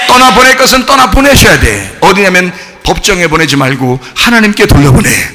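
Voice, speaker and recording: A man's voice: high-pitched, pushed and bright, long reverb tail. A male pastor preaching a sermon, emphatic and full of rhetorical questions to the congregation, acting out quoted lines. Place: church sanctuary.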